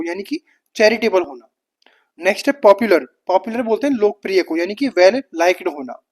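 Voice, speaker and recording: A woman teaching exam vocabulary, briskly listing words and their meanings. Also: mid-range voice.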